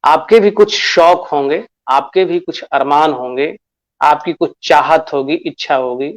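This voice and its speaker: Slow, deliberate male teacher. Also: a little high. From Bihar, India. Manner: slow and deliberate, addresses pupils as children; repeats key phrases and asks questions to himself. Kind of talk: classroom lesson.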